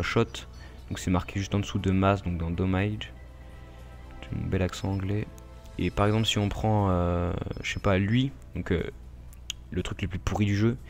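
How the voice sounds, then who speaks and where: A French-accented man chats loosely over his gameplay, stopping and restarting his sentences and talking straight to his viewers. His voice sits a little low for a man. The talk stays relaxed and unscripted throughout. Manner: rambling, filler-heavy, addresses viewers directly. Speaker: gaming YouTuber. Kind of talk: casual gameplay commentary.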